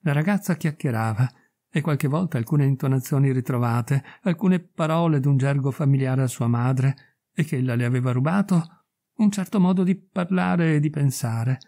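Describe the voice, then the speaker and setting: A man reading a classic short story aloud in measured, expressive narration. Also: mid-range voice. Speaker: audiobook reader. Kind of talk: scripted literary narration.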